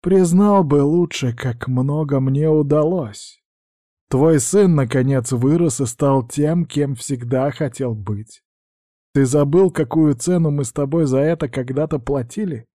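A man putting on a cynical old dragon schemer for an audiobook, pitched higher than the narrator's own mellow voice and drawn out slowly. Each line lands as a dry, sardonic jab. The sound is close and dead dry. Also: no echo. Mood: weary, needling. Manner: dry, cutting, sardonic retorts. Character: weary, cynical scheming dragon lord, male.

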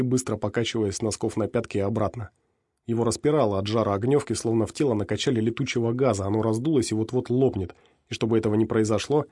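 A man's voice: lowish voice, warm tone, dry recording. Man narrating an audiobook, dry. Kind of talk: scripted narration.

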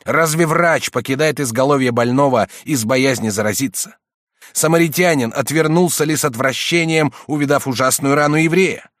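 Storybook figure: man reading as a stern old cardinal, rebuking and forceful, dry close sound. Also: medium pitch, expressive, a little fast, dry recording, lightly acted. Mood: reproachful.

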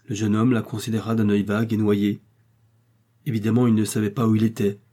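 A man narrating a novel in steady storytelling. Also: fairly low pitch, fairly quick. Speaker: audiobook narrator. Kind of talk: scripted narration.

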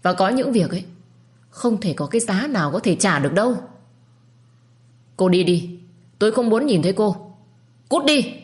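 A woman's voice: mid-range voice, expressive, quick pace, pitched above the performer's own voice, lightly acted. Lâm, a cold, furious young husband voiced by a woman. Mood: bitter. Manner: cold, harsh.

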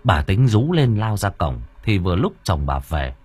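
A man narrating a horror story for an audiobook with expressive storytelling. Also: fairly low pitch, moderate pace, slightly rough.

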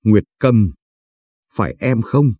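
A man's voice: lowish voice, takes it slowly, dark tone, husky, dry recording. A man voicing a caring young man who is earnest and worried, talking protectively in a storybook reading. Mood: anxious, eager.

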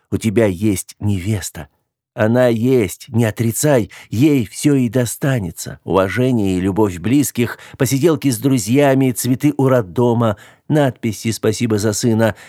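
A man's voice: medium pitch, measured pace, warm tone, no echo, lightly acted. A man reading the part of a proud, hurt young woman with a cutting, scornful way of speaking, in a dry, close recording. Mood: bitter.

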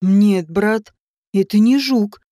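A woman reading an audiobook voices a tense young man digging in a forest, often dropping to a low, urgent whisper. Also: slow, mellow, no room sound, studio quality, close to an everyday voice. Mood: grim.

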